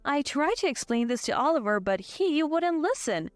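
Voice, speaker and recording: Soft music runs behind a woman in her twenties as she reads a first-person story, keeping her delivery scripted, level, and steady. The recording is close-miked and dry without echo, her voice fairly high and her pace moderate.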